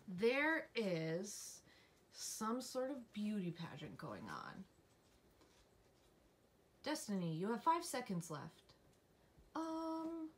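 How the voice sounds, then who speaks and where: A woman reading TV captions aloud at speed, jumping between reading and her own quick asides. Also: mid-range voice, a bit bright, slightly rough.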